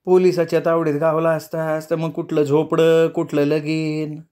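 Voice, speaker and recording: A man's voice: on the high side, level tone, moderate pace, dark tone, clean tone, pitched above the performer's own voice, natural voice. A male storyteller voicing an anxious, tearful poor older woman in an audiobook. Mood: fretful. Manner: tearful, pleading.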